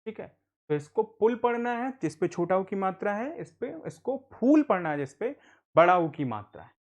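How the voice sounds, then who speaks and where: A man's voice: sits high, very animated, normal speed, muffled recording. A man teaching an adult literacy class, patiently spelling out words and answering his own questions. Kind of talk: online Hindi reading lesson.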